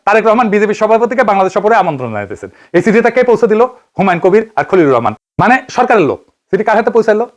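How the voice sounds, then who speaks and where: A man with a Bangladeshi Bengali accent delivers an investigative political monologue, asking pointed rhetorical questions and answering them himself. His voice sits high for a man, and he talks at a rapid clip. His pitch rises and falls in wide, lively swings. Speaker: political commentator.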